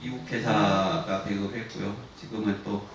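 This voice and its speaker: A production company head in his sixties gives an informal guest lecture to students in a university lecture hall, frank and self-deprecating with many fillers. His voice is lowish, level, and unhurried, picked up by a distant mic in an echoey, noisy room.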